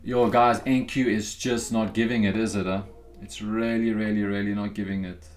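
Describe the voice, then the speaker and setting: A man's voice: lowish voice, steady tone, moderate pace. A young man from Africa, hosting a live trading stream in an upbeat, chatty way and talking straight to his viewers. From South Africa. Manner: upbeat and chatty, talks straight to viewers, calls them guys and bro. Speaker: livestream trading host. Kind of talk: casual live-stream chat.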